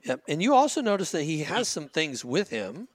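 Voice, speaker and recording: A man's voice: on the high side, sing-song, normal speed, dry recording. A man narrating as game master in a tabletop game, talking loosely with fillers and restarts. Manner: rambling, with many fillers and restarts.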